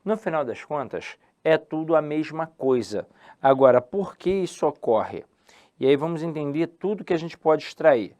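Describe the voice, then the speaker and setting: Man teaching with stretched emphasis. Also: a little high. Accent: Brazilian Portuguese. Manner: lively, drawn-out emphasis on key words, asks and answers his own questions. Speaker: Portuguese language teacher. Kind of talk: exam-prep video lesson.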